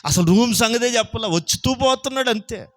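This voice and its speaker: A man's voice: very high-pitched, a little fast. A male pastor preaching a Sunday sermon emphatically, often checking that the congregation is listening. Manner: emphatic preaching, keeps asking the congregation if they are listening.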